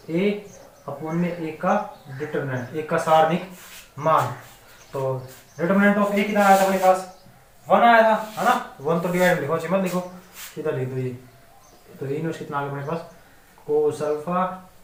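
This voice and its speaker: A man with a Rajasthani Hindi accent teaches a maths lesson, his voice sitting high. He keeps pausing to check that the students follow. The sound is roomy and picked up from some distance, with a faint hiss behind. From India. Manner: repeatedly checks students' understanding. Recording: echoey room, mic at a distance, faint noise.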